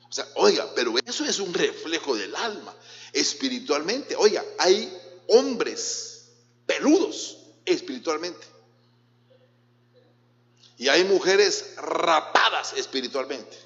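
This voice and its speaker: A man's voice: on the high side, a bit bright. A man with a Guatemalan accent preaching a sermon as pastor, questioning his congregation directly and mixing in jokes. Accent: Guatemalan Spanish. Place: church hall. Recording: echoey church hall, dull lo-fi sound.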